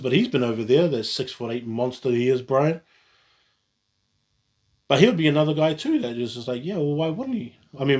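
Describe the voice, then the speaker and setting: A New Zealand vlogger talks casually on his own in a medium-pitched, darkish voice. He rambles, often restarting and correcting his sentences.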